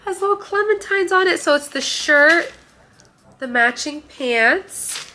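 Her voice sits high and sounds sharp, expressive and slow as she speaks to viewers. She's a young woman from Romania, a vlogger recording a casual haul on a camera in front of her in a bright living room, gushing and chatty, leaning on "like" and other filler words.

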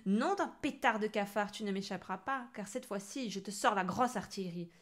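A woman voicing a huge, grumpy female witch who hurls comic insults and menacing threats in a loud, growling manner. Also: mid-range voice, brisk, close to an everyday voice. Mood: furious.

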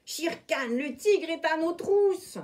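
An urgent storybook panther, her cry pitched high and loud with alarm, as a woman reading aloud puts her on. She calls out a warning in a hurry. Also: lively intonation, slow, full character voice.

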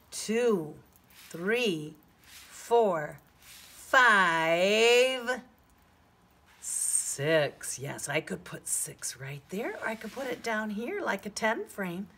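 Female preschool teacher, broad singsong delivery for small children, unhurried and highly animated in pitch, coaxing questions. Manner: asks coaxing questions and counts aloud slowly. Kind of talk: children's math lesson to camera.

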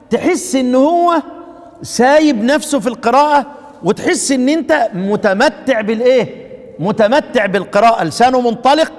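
A man with an Egyptian accent lectures on recitation rules in a fairly high voice. He quizzes his audience with questions he answers himself, stumbling over repeated words along the way. A long hall reverb trails behind everything he says. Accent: Egyptian Arabic. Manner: repeats and restarts words while thinking. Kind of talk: classroom lecture.

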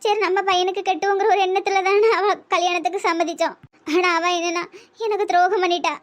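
ஒரு பெண் கார்ட்டூனில் நெல்லை வட்டார வழக்கில், மனம் புண்பட்டு அழுதுகொண்டே பேசும் வயதான பணக்காரப் பெண்ணுக்குக் குரல் கொடுக்கிறார். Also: female voice, extremely high pitch, flat delivery, fairly quick. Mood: hurt, tearful. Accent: Tirunelveli Tamil. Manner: sobbing, pleading. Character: tearful elderly rich woman, proud and hurt. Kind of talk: cartoon voice acting.

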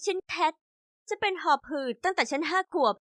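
A woman telling a first-person animated story in a chatty way, also voicing the other characters. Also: very high voice, a little fast, no echo, clean studio sound. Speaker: narrator.

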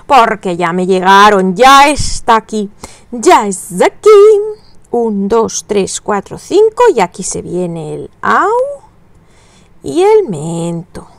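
A woman with a high, bright voice chats her way through a crochet-along. She counts stitches under her breath and breaks into sudden squeals of amusement. The recording is close and dry, with no room sound. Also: dry recording. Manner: chatty, counts stitches aloud, sudden bursts of high laughter. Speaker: crochet channel host. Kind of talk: casual crochet-along chat.

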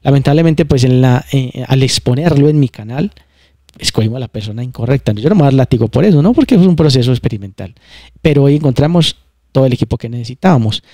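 A man's voice: medium pitch, quick pace, warm tone, dry recording, studio quality. A man hosting a casual spiritual talk, explaining emphatically and repeating his points. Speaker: channel host.

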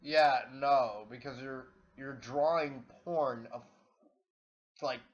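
A man's voice: mid-range voice, steady tone, slow. Exasperated swearing man on dull stream audio. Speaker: livestream host. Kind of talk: reaction livestream.

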